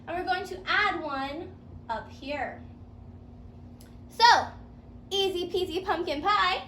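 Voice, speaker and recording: Her voice is extremely high, pushed and bright. Teaching a whimsical fairytale math lesson one step at a time, she encourages her pupil by asking sing-song questions and echoing back the answers, all captured with a roomy echo and a little background noise.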